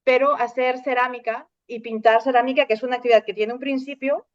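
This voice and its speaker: Animated woman telling a story. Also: high voice, brisk, no echo, highs cut off. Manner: animated storytelling, acting out dialogue. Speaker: host. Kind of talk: casual conversation.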